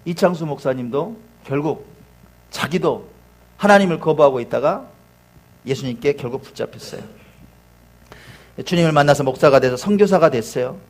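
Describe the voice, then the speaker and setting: A man's voice: a little high, lively intonation, normal speed, long pauses. A male pastor preaching a sermon, telling a story animatedly with rhetorical questions.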